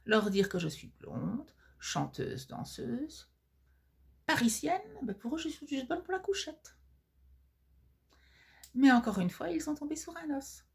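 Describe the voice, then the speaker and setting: A woman playing a vain, flirty blonde Parisian cabaret star who confides gossip coyly in a theatrical comic sketch monologue, her voice husky. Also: sits high, sing-song, darkish tone, pitched above the performer's own voice, heavily acted. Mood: saucy, mock-regretful. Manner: coy, confiding, theatrical drawn-out words.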